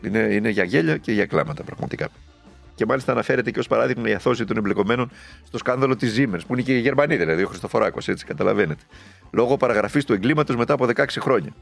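A man's voice: medium pitch, gravelly. A man giving an impassioned political monologue as a commentator, sarcastic and indignant, firing off rhetorical questions.

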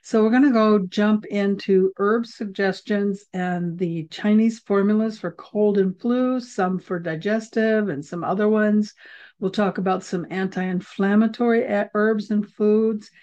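Medium in pitch with a darkish tone, this American woman speaks at a measured pace with fairly even intonation. She hosts a podcast and teaches herbal remedies in a casual, chatty, rambling way, using many fillers. Slightly dull audio from a video call captures her.

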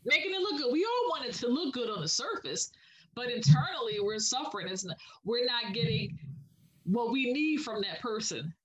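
A woman co-hosting a casual podcast about songwriting, speaking in an unhurried, affirming way with many filler pauses. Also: on the high side, lively intonation, crowd noise, poor audio. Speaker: podcast co-host.

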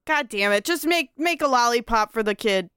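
High, crisp, blunt woman player. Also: animated, moderate pace, fairly bright tone, dry recording, clean studio sound.

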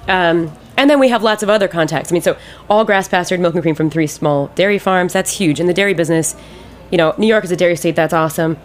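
A woman in her late thirties from Ohio, an ice cream maker and business owner, is a guest on a casual radio interview. She has a lowish voice and an American accent, talks fast with few pauses, and speaks informally and emphatically, often repeating words for emphasis. Faint music plays in the background.

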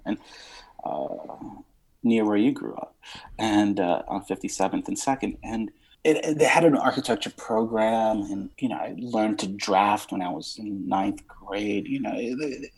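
A man's voice: lowish voice, normal speed, darkish tone, slightly rough, rough recording. A man in his thirties from Romania, talking in a rambling, searching way with lots of fillers and some casual swearing as an interview guest. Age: 30s.

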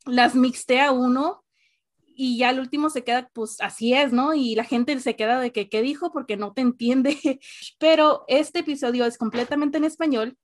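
A woman with a high voice hosts a relaxed podcast conversation. She talks in a chatty, animated way, laughs easily and slips English words in among the rest. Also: normal speed. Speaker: podcast host. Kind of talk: casual conversational interview.

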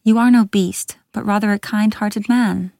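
A woman's voice: mid-range voice, steady tone, normal speed, gravelly, darkish tone, no echo, studio quality, natural voice. A woman voicing a young girl inventor in a storybook, speaking earnestly and pleadingly in a slightly raised voice. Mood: earnest urging.

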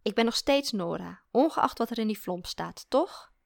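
A woman voicing a literal-minded, matter-of-fact young woman, speaking bluntly and a little higher than her narration. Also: expressive, moderate pace, gravelly, no echo, studio quality. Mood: earnest.

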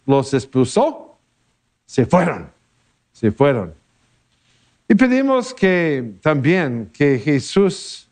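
A priest with a high voice reads scripture and then preaches a homily. He talks slowly and gently, slipping in small laughs and playful repeated words.

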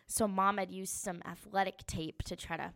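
Young woman, hunter recounting her trip; smooth, clear voice, animated and chatty. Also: mid-range voice, moderate pace. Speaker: hunter telling her story. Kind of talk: casual storytelling.

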